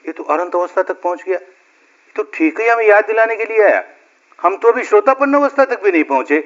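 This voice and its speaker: A man's voice: high voice, animated, brisk, a bit bright, voice pushed up. A man telling of a proud old teacher, brusque and busy. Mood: humbled. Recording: dull lo-fi recording.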